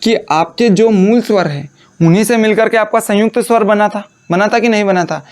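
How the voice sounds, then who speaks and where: A man teaching a Hindi lesson. He asks his students questions and answers them himself, and he repeats phrases slowly so they can copy notes. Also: sits high, a little mellow. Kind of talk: classroom lecture dictating notes.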